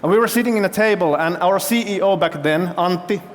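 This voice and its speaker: A man's voice: high voice, brisk. A man from Finland, a CEO giving a keynote talk on a festival stage and telling his story while quizzing the audience with show-of-hands questions. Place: large festival hall stage. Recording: long hall reverb.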